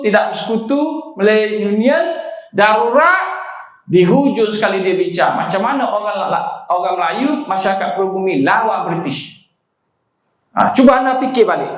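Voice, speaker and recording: A man giving a public lecture with an emphatic, rhetorical delivery, often prompting listeners with a questioning "ha?". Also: extremely high pitch. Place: prayer hall. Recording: echoey hall recording.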